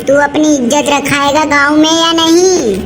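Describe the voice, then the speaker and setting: A bossy old mother-in-law voiced by a woman barks orders in a homemade village cartoon. She speaks high and slowly, scolding in every line. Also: fairly even intonation, soft background music. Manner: commanding, scolding. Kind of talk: cartoon voice acting.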